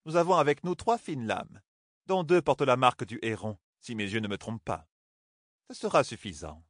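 A man reading an audiobook, voicing a calm, authoritative sorceress woman who gives clipped orders. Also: mid-range voice, moderate pace, no room sound, studio quality, voice pushed up. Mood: commanding.

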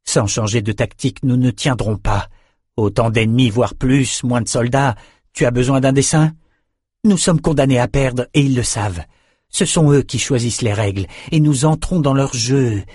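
A man's voice: medium pitch, moderate pace, a little mellow, breathy edge, dry recording, studio quality, close to an everyday voice. Man reading a grim wounded lord. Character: grim wounded male lord, commanding battle leader. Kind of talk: audiobook character reading.

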